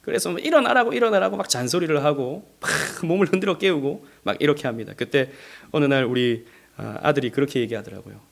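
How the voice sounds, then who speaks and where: A middle-aged man from South Korea preaching a Sunday sermon as pastor, speaking gently and then building to emphatic stresses, sometimes acting out quoted lines. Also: mid-range voice, fast, creaky. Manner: gentle, rising to emphatic, acts out quoted speech. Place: church sanctuary.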